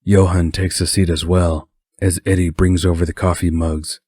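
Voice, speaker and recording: Deep-voiced man reading a story. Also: level tone, moderate pace, warm tone, breathy edge, dry recording, studio quality. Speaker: narrator. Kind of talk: reading a fan story aloud.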